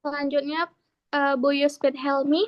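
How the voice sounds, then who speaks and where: A woman's voice: high-pitched, completely flat delivery, a little slow, dry recording, dull audio. A woman moderating a class, calling on each speaker with brief, formal announcements.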